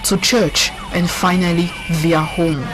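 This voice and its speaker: A woman's voice: fairly low pitch, steady tone, slow, low-quality recording. A woman reading scripted news narration as a reporter. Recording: music and crowd behind voice-over. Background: music and crowd sounds.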